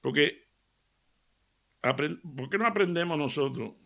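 With a creaky, slightly high voice at a measured pace, a middle-aged radio preacher gives a devotional message. He tells animated stories, laughs along the way, and acts out the conversations.

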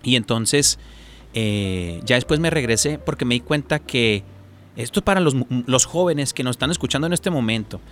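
A man's voice: mid-range voice, expressive, moderate pace, a bit bright, slight background noise. A man with a Mexican accent, a talk-show guest giving a personal testimony, rambling with many fillers and restarts.

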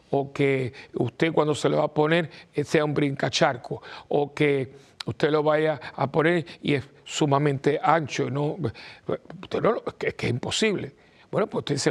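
Male priest, animated storyteller, gravelly, slightly raised pitch. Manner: animated storyteller, rhetorical questions, sound words. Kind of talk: conversational talk-show monologue.

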